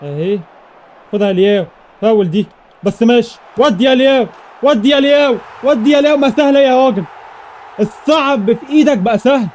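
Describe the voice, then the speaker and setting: A young man with an Egyptian Arabic accent giving excited live commentary over his own football video game matches, rattling off repeated exclamations. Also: very high voice, a little fast, a little hiss or hum. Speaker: gaming YouTuber.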